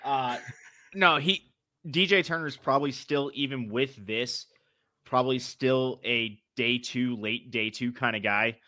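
Male sports co-host, New England accent, casual and mildly profane, bright punchy tone, dry close sound. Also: medium pitch, unhurried, no room sound. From New England, United States.

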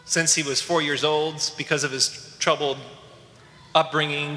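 Earnest priest, bright voice in a church. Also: male voice, a little high, echoey room, in a large hall. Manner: storytelling, earnest and emotional. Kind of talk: sermon.

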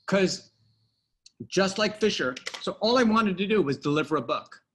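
A man's voice: high-pitched, animated, moderate pace, fairly bright tone. A middle-aged man telling a personal anecdote in a casual interview, rambling with fillers and restarts. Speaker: guest storyteller.

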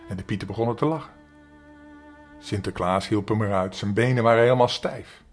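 An older man telling a storybook tale to young children, gentle and expressive, speaking to them directly. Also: fairly low pitch, brisk, soft background music.

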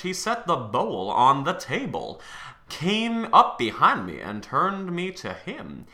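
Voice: medium pitch, sharp tone, reverberant. A co-host of a comedy podcast reading fan fiction aloud with sassy asides and frequent laughter. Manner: sassy, laughs a lot, jokes about music. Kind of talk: comedic dramatic reading with banter.

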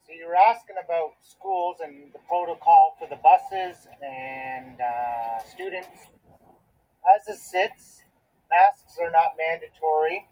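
A man's voice: fairly high pitch, takes it slowly, warm tone. A man calling in on speakerphone, his voice tinny like a pocket transistor radio, explaining things plainly as a school bus driver in casual chat. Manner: plain, matter-of-fact explaining with hesitant fillers. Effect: tinny, like a transistor radio over a speakerphone.

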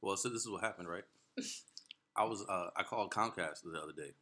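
Playful man telling stories, very bright tone. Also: deep voice, fairly quick. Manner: animated, playful. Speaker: podcast co-host. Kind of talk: casual storytelling.

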